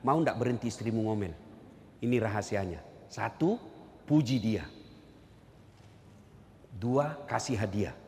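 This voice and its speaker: A man's voice: measured pace, long pauses, a little hiss or hum. A middle-aged man preaching a humorous sermon to a hall audience, joking and acting out quotes with big swings in his voice. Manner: lively, jokey, acts out quotes with big pitch swings. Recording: echoey hall, faint ambience.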